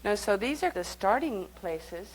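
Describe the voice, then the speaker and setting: A woman's voice: medium pitch, expressive, unhurried, a little hiss or hum, rough recording. A woman leading a live workshop, speaking conversationally and guiding the group through exercises. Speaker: workshop teacher.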